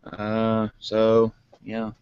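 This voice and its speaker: A man with a self-described monotone voice chatting casually through a toy unboxing, rambling with lots of fillers. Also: lowish voice, extremely slow, clear, resonant tone, no echo, dull audio. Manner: rambling, many fillers, calls own voice monotone. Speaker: vlogger.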